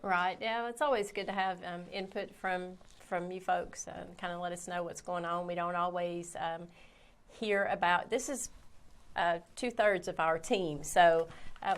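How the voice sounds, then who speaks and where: A woman co-hosting a casual morning chat show, sounding nasal and stuffed up with a cold. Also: fairly low pitch. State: congested with a cold.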